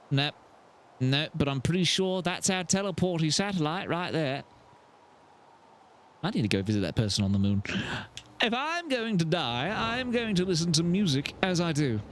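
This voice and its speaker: Lively, animated man streaming gameplay. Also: fairly high pitch, slight background noise. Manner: playful, talks to himself and chat, exclaims often. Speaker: streamer playing a video game. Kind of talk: live gameplay commentary.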